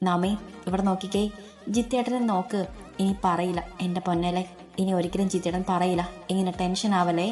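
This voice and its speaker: A woman reading the part of a gentle, guilt-ridden young husband in an audio story, speaking in a soothing way. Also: lowish voice, fairly even intonation, brisk, faint music behind, close to an everyday voice.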